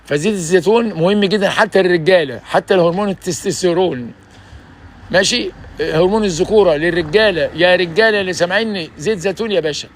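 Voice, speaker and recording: A man in his sixties with an Egyptian accent, hosting a casual livestream and preaching health advice in an energetic, urging way. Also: sits high, fast talker, a little hiss or hum. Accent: Egyptian Arabic. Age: 60s.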